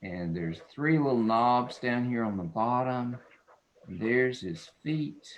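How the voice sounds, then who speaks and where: A children's book illustrator with a medium-pitched, animated voice demonstrates drawing while talking slowly. He's casual, folksy and playful, even calling himself silly.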